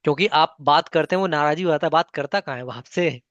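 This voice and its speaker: A man's voice: fairly high pitch, quick pace, fairly bright tone, dry recording, muffled recording. A man teaching a spoken English class online, patiently mixing Hindi and English and coaxing learners by name.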